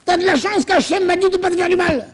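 A man putting on a scheming, possessive old schemer who lords it over everyone, his voice pushed well above its usual pitch. He taunts and threatens, claiming everything as his own. His tone is bullying and smug. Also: fast, slight background noise. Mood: menacing. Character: boastful, menacing older man, Laban the scheming father-in-law.

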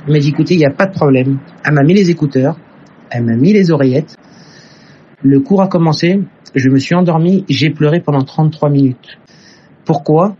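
A man's voice: on the high side, brisk, warm tone, dull audio, slight background noise. A man telling an emotional personal story in an earnest way. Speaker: testimony teller. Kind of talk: personal testimony.

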